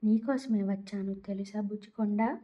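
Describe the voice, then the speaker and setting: A woman's voice: mid-range voice, steady tone, normal speed, dull audio, natural voice. A woman voicing a drunk, lovesick young woman who pleads in a slurred, giggly way. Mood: tipsy. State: tipsy.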